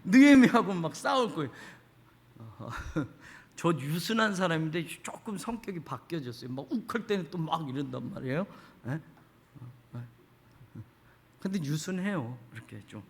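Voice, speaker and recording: A middle-aged man preaching a church sermon as pastor, talking conversationally, dropping to hushed asides and rising to emphatic appeals. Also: on the high side. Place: church sanctuary. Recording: long hall reverb.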